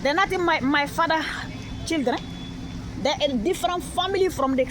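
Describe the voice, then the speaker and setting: A woman with a Malian accent and a voice that sits high speaks at a moderate pace, recounting a rambling personal story outdoors. Interviewed on a busy city street, she repeats herself insistently and checks in often with "all right?"; the noisy recording carries traffic and street noise.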